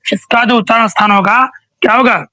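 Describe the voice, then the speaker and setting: A man's voice: sits high, fairly even intonation, brisk, bright, forceful tone, dry recording, low-quality recording. A male teacher running an online revision quiz, asking each question again and again and prompting students to answer.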